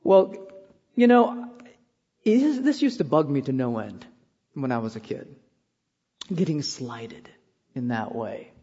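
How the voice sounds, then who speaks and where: A man's voice: medium pitch, animated, measured pace, pauses often, dark tone, slightly rough, long reverb tail, muffled recording. A man, preaching a sermon as pastor and telling self-deprecating stories with frequent "okay?" asides. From born in Korea, raised in Iowa. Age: 30s.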